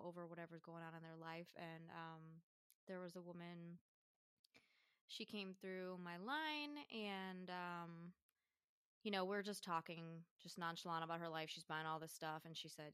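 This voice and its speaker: A woman co-hosting a casual chat podcast, speaking earnestly and warmly with plenty of "like" and "um". Her voice is bright and smooth, a touch lower than most. The sound is dry and close. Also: no echo. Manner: earnest, heartfelt storytelling with many fillers. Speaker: podcast co-host.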